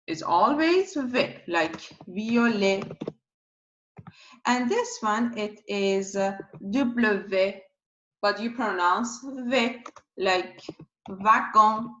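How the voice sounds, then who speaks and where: A woman teaching pronunciation slowly, repeating each word and spelling out letters. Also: mid-range voice, expressive, fairly bright tone, highs cut off, slight background noise. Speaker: French teacher. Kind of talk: slow pronunciation lesson.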